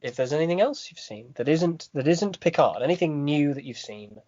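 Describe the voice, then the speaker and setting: British man, podcast host, dry deadpan humor, medium pitch, dead dry room. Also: fairly quick, no echo, dull audio. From United Kingdom. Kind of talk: casual podcast chat.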